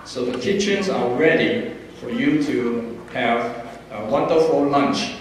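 An older man, a pastor, making informal, halting announcements to a congregation in a large church hall. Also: mid-range voice. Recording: echoey reverberant hall from far off, faint noise.

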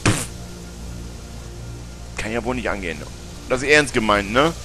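With music playing behind him, a German man narrates his gameplay in an expressive voice at a moderate pace. His northern colloquial German comes through as he teases the characters, banters, and erupts in high-pitched laughs.

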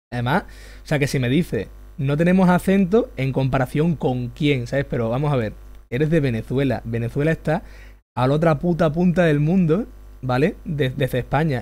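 A man from Spain with a Spanish accent, a tired streamer chatting casually, animated and swearing freely. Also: mid-range voice. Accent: Spain, Castilian Spanish. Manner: animated, swears freely, mocks others by imitating them. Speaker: streamer drawing and answering chat. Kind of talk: casual chat.

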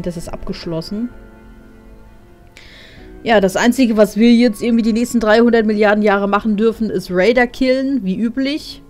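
A woman's voice: medium pitch, darkish tone. Wry woman commenting on gameplay. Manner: sardonic, wry. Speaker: let's player. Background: game music.

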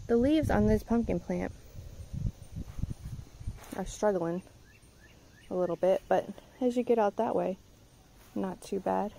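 Filming herself on a handheld phone camera, a woman who vlogs about gardening leads a chatty, meandering outdoor tour of her garden, filling it with ums. She has a warm, medium-pitched voice with vocal fry. The audio is poor.

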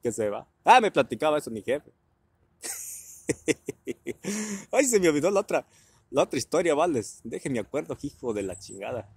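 Husky, laughing Mexican man telling stories. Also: a little high, very animated, normal speed, long pauses, a little mellow, no room sound. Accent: Mexican Spanish. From Guerrero, Mexico. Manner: laughing often, crude slang, acts out voices. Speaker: vlogger telling family anecdotes. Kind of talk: casual storytelling.

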